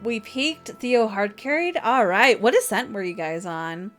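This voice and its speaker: A woman's voice: fairly high pitch, big pitch swings, unhurried, a bit bright. A woman livestreaming a video game, chatting casually in a cute, bubbly anime-streamer manner. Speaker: variety streamer and VTuber. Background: game music.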